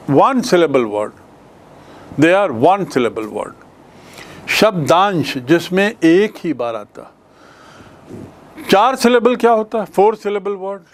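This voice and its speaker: A male teacher, explaining grammar in a classroom lesson, slowly repeating and spelling out words. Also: fairly high pitch. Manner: slow, repeats and spells out words, mixes English phrases.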